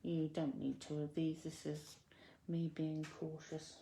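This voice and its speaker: A woman's voice: low-pitched, level tone, unhurried, vocal fry, warm tone, slight background noise. A woman chatting her way through a card-making tutorial, self-deprecating and muttering to herself as she works. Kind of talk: casual crafting tutorial.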